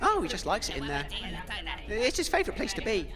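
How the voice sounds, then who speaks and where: With a crowd in the background, a man's high voice swings widely in pitch and runs slightly fast. He's acting a comedy audio drama role: a self-important British radio DJ in the wasteland who tells boastful anecdotes pompously yet gets flustered and hesitant when challenged.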